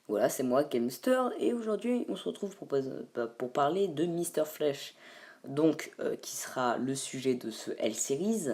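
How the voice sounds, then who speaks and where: Low, dark-voiced woman chatting casually. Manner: chatty, rambling with many fillers. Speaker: YouTube host. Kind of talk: casual homemade video commentary.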